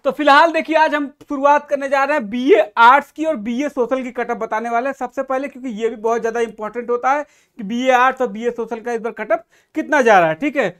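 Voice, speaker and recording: A man with a notably high voice talks students through admission details as he stands at a board. His delivery is direct and explanatory, and he often stops to check that listeners are following. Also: fast talker, a bit bright, clean tone. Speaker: admissions guidance YouTuber. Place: room with a whiteboard.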